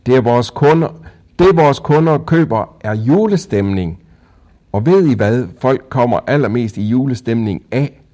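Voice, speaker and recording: A man reading a story and voicing a pushy male Christmas-tree salesman who preaches with rising, forceful emphasis. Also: mid-range voice, expressive, lightly acted. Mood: persuasive.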